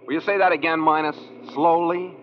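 An actor playing a quick-thinking detective's sidekick with dry, sardonic, wordy wisecracks in a 1940s radio mystery. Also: male voice, a little high, fairly even intonation, lightly acted. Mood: sardonic, amused. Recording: noisy, muffled old radio recording.

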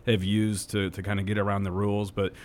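A man co-hosting a casual sports talk show, speaking haltingly with many fillers and restarts. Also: fairly low pitch, completely flat delivery. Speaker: co-host.

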